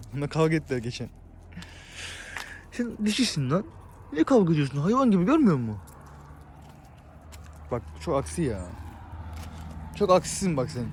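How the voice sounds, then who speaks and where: A man talking to his farm animals outdoors in a casual vlog, coaxing and scolding them with quick exclamations. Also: fairly high pitch, darkish tone, a little hiss or hum. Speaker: farmer filming his animals. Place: outdoor farmyard.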